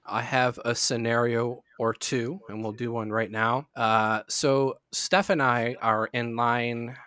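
A man hosting a casual podcast who tells stories with a lot of swearing and energy. His voice sits at an ordinary pitch and sounds dry and close to the mic. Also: slow, smooth, no echo. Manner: profane, animated storytelling. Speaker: podcast host. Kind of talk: casual chat.

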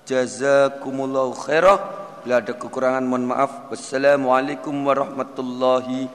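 Preacher in an echoey hall. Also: male voice, medium pitch, normal speed. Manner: reads Arabic text then translates phrase by phrase, animated retelling. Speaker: Islamic preacher. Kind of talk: sermon.

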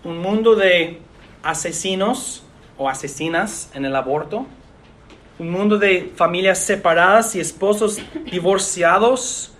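A man, a pastor, preaching an earnest sermon in a measured way with pauses. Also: high-pitched, a bit bright.

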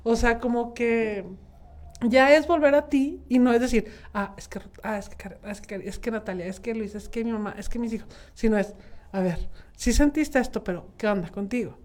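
Reflective Mexican woman, higher voice. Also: normal speed, a little mellow. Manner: reflective, rambling with many fillers. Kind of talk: casual group chat.

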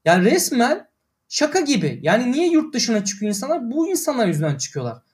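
A man's voice: extremely high pitch, wildly swooping pitch, moderate pace. A young man ranting in casual slangy talk to his livestream viewers, exasperated.

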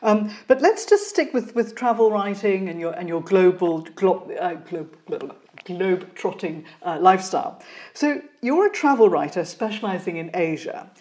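A woman's voice: on the low side, animated, normal speed, dark tone. A woman interviewing a guest in an informal, conversational style.

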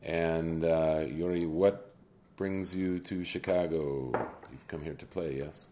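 A man hosting a casual interview podcast, relaxed and affirming. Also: a bass voice, slow pace, noisy background. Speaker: podcast host. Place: a friend's house.

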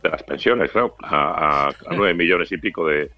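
A man's voice: a bass voice, moderate pace, lo-fi sound. A newly retired man in his sixties from Spain, chatting casually, swearing freely and laughing as he tells stories. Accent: Spanish. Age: 60s. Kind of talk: casual banter.

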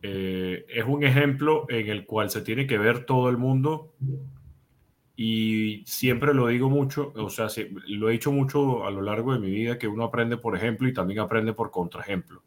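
A man's voice: mid-range voice, normal speed. A man co-hosting a podcast from a video call. He speaks reflectively, building his argument through examples. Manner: reflective, explains with worked examples. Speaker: co-host. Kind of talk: casual chat.

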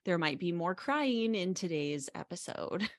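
A woman's voice: lowish voice, animated, a little slow, no room sound. An earnest, reflective woman on the verge of tears, talking as a mastermind member in a group podcast chat. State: near tears.

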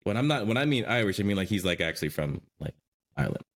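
A man co-hosting a podcast in relaxed chat, joking often and breaking into laughter. His voice moves up and down a great deal as he talks. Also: on the low side, fast talker. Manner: joking, lively, laughs a lot. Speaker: podcast co-host. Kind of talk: casual chat.

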